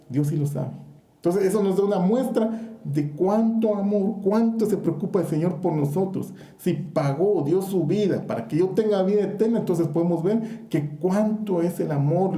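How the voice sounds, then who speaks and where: Guatemalan male preacher, high and dark-toned, fervent sermon, roomy church echo. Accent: Guatemalan Spanish. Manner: fervent, questions the congregation directly.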